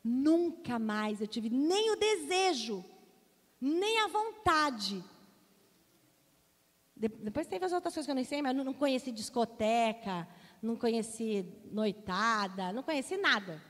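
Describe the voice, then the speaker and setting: Woman in her forties, Brazilian accent, pastor, lively storytelling sermon, fairly high voice, long church reverb. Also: measured pace. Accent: Brazilian Portuguese. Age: 40s. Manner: animated storytelling, addresses congregation directly. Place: church hall.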